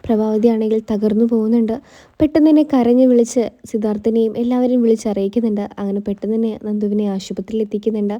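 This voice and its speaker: A woman's voice: on the high side, fairly even intonation, fast talker, muffled recording. A woman hosting a channel, casually retelling a TV serial episode scene by scene in a chatty storyteller's way. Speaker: serial recap channel host.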